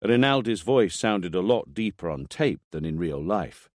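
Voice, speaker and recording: A man reading a thriller audiobook as scripted narration, with expressive delivery. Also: deep voice, normal speed, no echo, clean studio sound.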